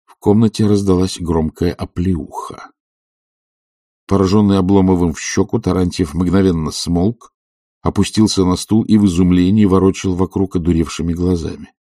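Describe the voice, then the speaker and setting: A man reading a novel aloud as narrator, in calm, even narration. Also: low voice, moderate pace, no echo, clean studio sound. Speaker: audiobook reader. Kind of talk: scripted narration.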